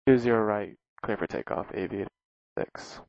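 A man's voice: lowish voice, moderate pace, gravelly, a little mellow, no room sound. A man speaking as a pilot over the aircraft radio, giving terse, clipped readbacks in radio phraseology. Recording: dull lo-fi radio transmission.

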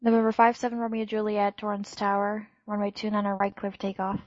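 A woman giving clearances as an air traffic controller in clipped aviation phraseology. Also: medium pitch, completely flat delivery, brisk, dry recording, highs cut off.

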